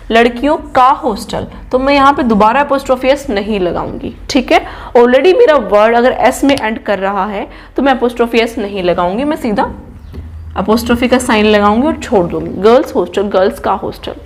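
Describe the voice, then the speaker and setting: A woman who is an English trainer, teaching a classroom grammar lesson step by step and checking in with her class after almost every point. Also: fairly high pitch. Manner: explains step by step and keeps checking with "ठीक है?"; poses questions to the class, then answers them herself.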